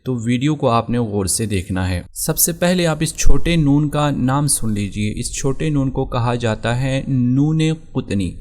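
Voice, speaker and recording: A man's voice: mid-range voice, darkish tone. A man teaching a Quran recitation rule in a patient lesson with a Pakistani Urdu accent. He goes over each rule again and spells out his examples one by one. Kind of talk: explaining tajweed rules step by step.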